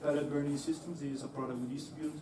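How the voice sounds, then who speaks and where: A young engineer presents in a lecture hall, his slightly high, flat-toned voice moving fast but hesitantly with many fillers and restarts, and he laughs easily. The hall is echoey, he sounds far away, and there is background noise.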